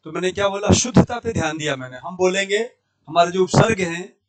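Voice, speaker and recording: A man with a Rajasthani Hindi accent teaching an online Hindi lesson, drilling syllables slowly and with emphasis. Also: high voice, very noisy.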